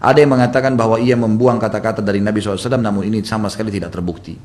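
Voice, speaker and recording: Fast-talking male preacher. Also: fairly low pitch, steady tone. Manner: dramatic storytelling with acted quotes and sudden loud rises. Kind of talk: sermon storytelling.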